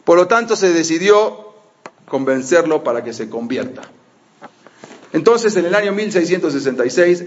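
A man teaching a religious history lesson as an animated story, sometimes slipping into the voices of the people he quotes. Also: on the high side. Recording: muffled lo-fi audio.

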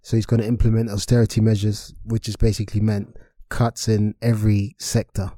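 Low, mellow podcast co-host, hesitant and searching for words, dry close sound. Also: male voice, little pitch movement, a little fast, no room sound. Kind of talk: casual finance podcast chat.

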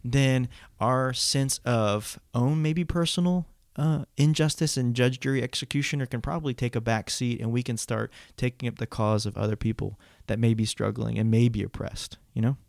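A man's voice: medium pitch, normal speed, gravelly, few pauses, no echo. A man speaks earnestly in a casual faith discussion, restarting his sentences as he searches for the right words. His voice sits in a middle range. The recording is dry and close.

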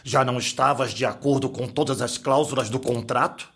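A pompous, domineering father in an audio drama, played by a man, gravelly and bright-edged. He speaks in a grand, commanding tone, scheming behind formal courtesy. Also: medium pitch, steady tone, fairly quick. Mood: haughty.

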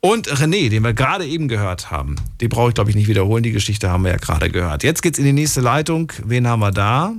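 A man's voice: medium pitch, very animated, quick pace, few pauses. A man hosting a late-night radio call-in show, eagerly asking his caller probing questions.

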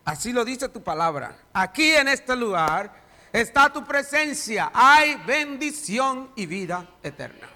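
Bright high-voiced male preacher. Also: big pitch swings, a little slow. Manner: dramatic reading, voice rising and falling. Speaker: pastor. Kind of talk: sermon with scripture reading and prayer. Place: church.

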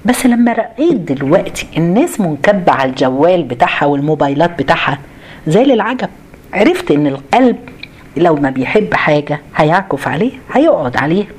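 A woman's voice: sits low, big pitch swings, quick pace, a little mellow, breathy edge. A woman with an Egyptian Arabic accent gives an informal religious lesson to a group, exhorting conversationally with rhetorical questions.

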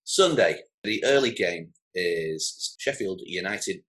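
A man hosting a casual sports chat, running through the week's fixtures with relaxed asides. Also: low voice, slow pace. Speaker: show host.

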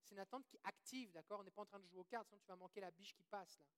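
A woman's voice: mid-range voice, rapid-fire. A woman with a Québécois French accent preaching a sermon, quoting scripture, asking the audience questions and leading prayers. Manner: earnest, asks the audience questions, quotes scripture.

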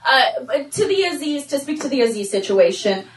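Deadpan woman from Russia, roomy sound. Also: sits high. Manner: dry, deadpan joking with halting restarts. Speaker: panelist. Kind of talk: comedic panel discussion. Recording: roomy sound from a distant mic.

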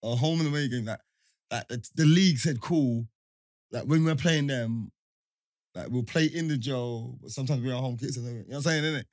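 London roadman guy chatting on a pod, loads of slang and innit type tags, mid pitch, dry sound. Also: quick pace, no room sound. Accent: London, urban roadman street slang. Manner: heavy street slang with repeated tag questions. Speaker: podcast host. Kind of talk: casual chat, storytelling banter.

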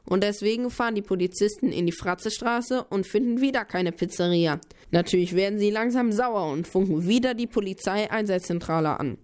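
A woman's voice: mid-range voice, brisk, few pauses, a little mellow. A woman telling a children's story as a playful back-and-forth, cutting in to twist the plot.

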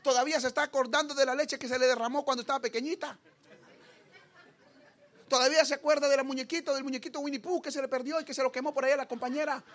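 A man preaching a sermon with passion, repeating phrases for emphasis and swinging from quiet talk to shouting. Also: very high-pitched, fairly even intonation, quick pace.

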